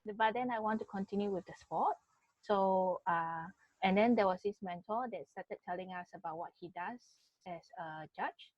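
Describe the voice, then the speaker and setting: A woman's voice: medium pitch, normal speed, darkish tone, no room sound. A woman from Singapore, a guest on a video call, speaking plainly with fillers. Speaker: guest, international judge. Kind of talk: casual chat. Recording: dull video call audio.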